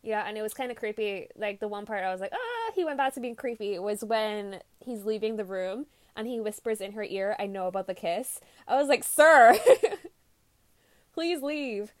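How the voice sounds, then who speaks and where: Young woman, casual podcast talk, laughs often, animated, dry sound, mid pitch. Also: no echo. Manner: giggly, animated, quick to laugh. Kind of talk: casual book discussion podcast.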